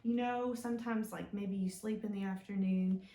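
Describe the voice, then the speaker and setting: Her medium-pitched voice is warm and steady at a normal speed as she reads aloud to young children, explaining in a sing-song way and asking easy, encouraging questions. She hosts the storytime in an echoey room, recorded by a mic at a distance.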